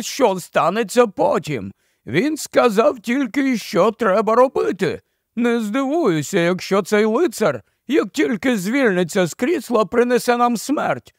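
A man doing a mournful marsh-wiggle, high and drawn out, who treats every step like a step toward doom. His speech is slow and weighty, delivered on a dry, close mic in a storybook reading. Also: no room sound, heavily acted. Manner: slow, grave, fatalistic. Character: gloomy, solemn male marsh-wiggle.

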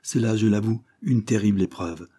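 A man reading aloud and voicing a kindly, pious older lady with a soft, consoling manner. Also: fairly low pitch, normal speed, lightly acted.

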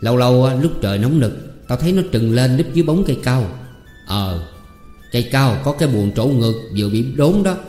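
A man voicing a mischievous, half-crazy young country man, boastful and teasing, in an echoey room with soft music. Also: mid-range voice, animated, brisk, lightly acted. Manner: boastful, teasing, exclaiming loudly.

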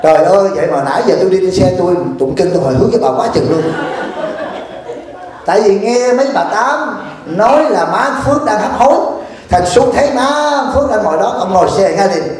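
Fast-talking chuckling monk in an echoey hall. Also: male voice, high-pitched. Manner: animated, chuckling, acts out dialogue. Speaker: abbot giving a dharma talk. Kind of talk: storytelling sermon. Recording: very echoey room.

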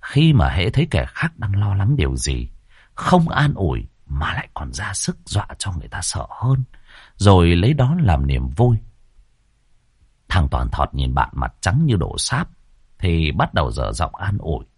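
Lively storyteller man. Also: sits low, unhurried, husky, dry recording, clean studio sound. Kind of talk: ghost story narration.

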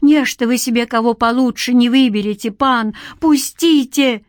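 Woman doing a high wailing old granny. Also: normal speed, no room sound, clean studio sound, lightly acted. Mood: pleading. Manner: pleading and wailing, then yelling orders. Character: frightened old village grandmother, sharp-tongued.

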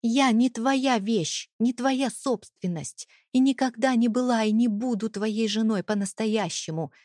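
A woman voicing a trapped young wife who fights back with raised, shouting accusations. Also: fairly high pitch, expressive, unhurried, breathy edge, no echo, studio quality, pitched above the performer's own voice.

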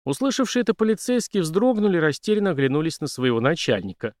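A man reading a science-fiction audiobook as narrator with steady storytelling. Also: fairly high pitch, fast talker, no room sound, studio quality. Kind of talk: scripted narration.

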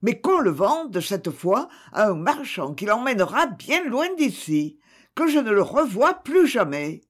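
A storyteller voicing an irritated farm woman who scolds and shouts at a stubborn donkey. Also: medium pitch, big pitch swings, a little slow. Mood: exasperated. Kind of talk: storybook reading.

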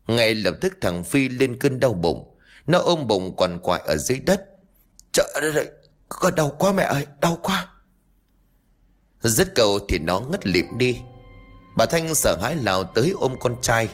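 Expressive male ghost-story narrator. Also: medium pitch. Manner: expressive, does all character voices. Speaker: audiobook narrator.

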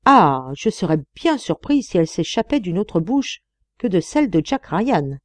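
A woman's voice: lowish voice, very animated, normal speed, no echo. A woman voicing a young male miner who speaks in an earnest, respectful way.

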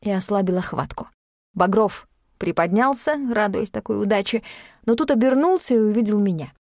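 A woman's voice: mid-range voice, normal speed, a little mellow, no room sound, clean studio sound. A woman reading first-person audiobook narration in a wry, ironic manner.

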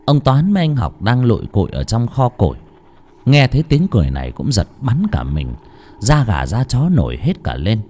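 Expressive male horror storyteller, lively pitch. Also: moderate pace. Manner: expressive, swinging between hushed and loud. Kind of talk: dramatic horror story narration.

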